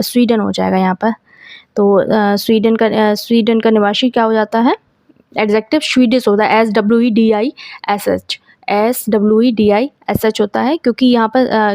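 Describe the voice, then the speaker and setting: A woman teaches grammar for exam preparation, speaking. Her voice sits a little high. She keeps posing questions and answering them herself, and the recording is close and dry. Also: darkish tone, dry recording. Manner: explains in Hindi, reads English questions slowly, asks and answers herself. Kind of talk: exam-prep grammar lesson.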